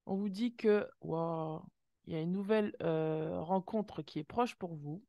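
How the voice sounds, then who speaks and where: At a measured pace, a woman with a voice on the low side reads intuitive oracle cards; the recording is muffled, with no room sound. She addresses viewers warmly as "you," exclaiming often with gasps of "wow" and small sound effects.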